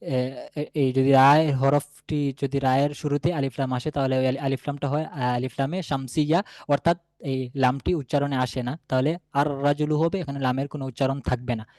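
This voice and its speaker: A man teaching a beginners' Arabic lesson, patiently repeating each example word slowly. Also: mid-range voice, level tone, darkish tone, no echo. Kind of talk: classroom lesson.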